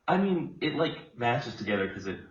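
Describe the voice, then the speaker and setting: A man's voice: medium pitch, sing-song, normal speed. A young man from Los Angeles, a student being interviewed, chatting casually and rambling with many fillers and restarts. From Los Angeles, USA. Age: young adult. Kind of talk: casual chat. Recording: roomy, distant, dull, faint noise.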